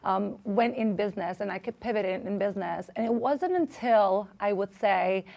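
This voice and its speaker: A business coach from Albania who grew up in New York reflects on her life story as a guest on a podcast, telling it casually with fillers. Her medium-pitched voice has vocal fry and a darkish tone, at a moderate pace.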